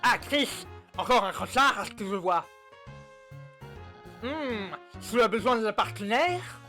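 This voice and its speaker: A man voicing a teacher and students, pitched well above his normal voice. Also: expressive, takes it slowly, sharp tone, faint music behind, full character voice. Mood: animated.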